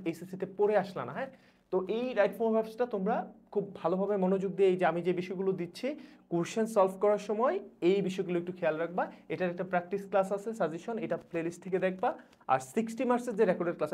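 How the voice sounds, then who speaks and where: A young man from Bangladesh, an English teacher giving rapid exam advice to students, repeating instructions urgently. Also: high voice, a little mellow. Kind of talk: exam suggestion lesson.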